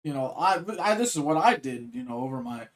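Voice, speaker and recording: A man's voice: fairly high pitch, very animated, brisk. A man rambling casually as he sets up a reaction to a video, with many fillers and restarts. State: hiccups. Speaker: reaction streamer.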